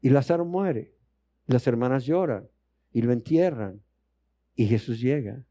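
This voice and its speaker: A man's voice: medium pitch, unhurried, dark tone, no echo. A man with a Colombian Spanish accent teaching a sermon, asking the audience questions and acting out dialogue. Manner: emphatic, rising questions to the audience, acts out dialogue. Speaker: Bible teacher.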